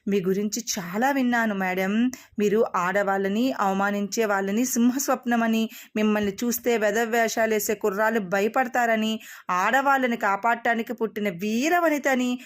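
A woman voicing a charming, smooth-talking young man who flatters eagerly. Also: fairly high pitch, normal speed, close to an everyday voice. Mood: flattering.

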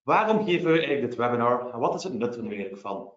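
A Belgian man giving a formal legal lecture, explaining in a measured way with worked examples. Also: medium pitch, big pitch swings. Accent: Belgian Dutch. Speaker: lawyer presenting. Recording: roomy, dull webinar audio.

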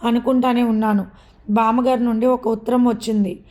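A woman voicing a caring middle-aged friend who consoles and advises, in a mellow, flat voice. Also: a little high, fairly quick, lightly acted. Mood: consoling.

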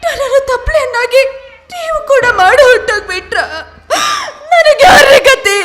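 A woman's voice: extremely high pitch, animated, measured pace, raised voice, music in the background. A woman playing a young wife who has just lost her husband, wailing and pleading with her brother on a village stage. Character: grieving young widowed wife. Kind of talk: village stage drama acting.

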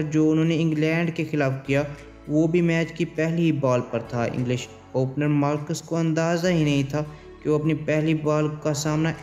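A man reading a scripted sports countdown voice-over in a steady, formal delivery. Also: fairly high pitch. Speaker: channel narrator. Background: faint background music.

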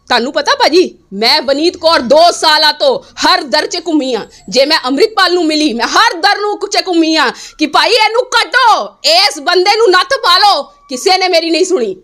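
A woman's voice: very high-pitched, animated, normal speed, pushed and bright. A woman, answering interview questions in an angry, defiant way and repeating her points. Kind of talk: heated interview.

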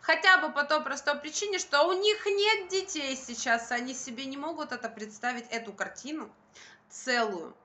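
Holding her phone at arm's length by a window indoors, a young woman who vlogs and is a mother chats casually to camera. Her high voice has a sharp edge at a normal speed, and she talks emphatically and colloquially, repeating phrases.

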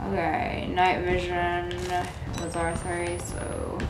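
A woman's voice: fairly low pitch, monotone, takes it slowly. A young woman playing a horror game, giving casual, scared commentary and muttering to herself as she goes. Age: young adult. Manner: jumpy, scared reactions mixed with muttering to herself. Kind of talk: casual let's play commentary. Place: small indoor room. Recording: roomy echo, noisy game ambience.

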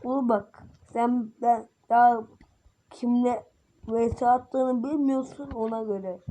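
Gaming host, woman, a little sick with a rough voice, mellow tone, chatty and self-conscious. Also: a little high, fairly even intonation, slow pace, a little hiss or hum. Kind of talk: casual game commentary.

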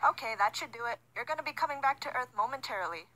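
A woman voicing a calm, matter-of-fact female dentist in a cartoon story. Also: high-pitched, rapid-fire, very noisy. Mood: reassuring.

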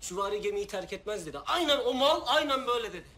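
A furious cursing sailor. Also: male voice, sits high, fast talker. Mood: raging rant. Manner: ranting, shouting threats and curses. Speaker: stranded ship crewman. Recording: noisy background.

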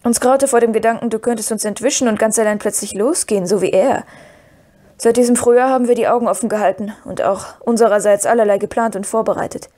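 A woman reading the part of Merry, a calm and knowing young male hobbit who speaks with quiet decisiveness. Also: on the high side, fast, close to an everyday voice. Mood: reassuring.

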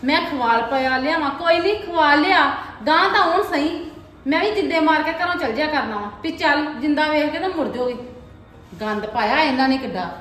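A woman playing a nagging, sharp-tongued mother in a family skit. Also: sits high, animated, soft background music. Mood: scolding. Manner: nagging, rapid-fire scolding. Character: sharp-tongued scolding middle-aged mother. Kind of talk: comic family skit acting. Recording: very echoey room.

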